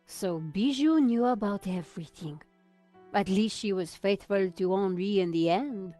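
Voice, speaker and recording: An actress playing a sharp, teasing investigator in a video game. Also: female voice, medium pitch, unhurried, soft background music, natural voice. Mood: thoughtful. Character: Nico, sharp, teasing French investigator, young woman.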